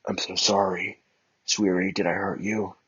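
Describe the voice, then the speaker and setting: Man doing a smug teasing young guy, cocky, husky voice, muffled lo-fi sound. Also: low voice, little pitch movement, a little slow, fairly bright tone, heavily acted. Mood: soft.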